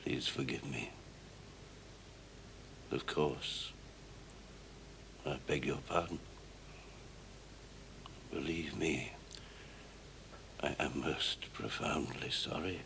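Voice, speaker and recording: A grave, gravelly mourning father. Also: rumbling low, full character voice. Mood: solemn apology. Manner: slow, solemn, apologetic. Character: grave, remorseful middle-aged father in mourning. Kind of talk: 1970s televised stage drama. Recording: noisy old TV soundtrack.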